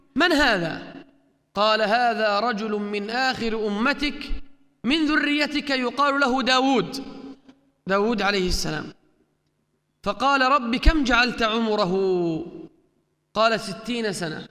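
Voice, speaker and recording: A man's voice: extremely high pitch, pushed and bright, big-room sound. A man, a sheikh, giving a religious lecture and telling a story with quoted dialogue.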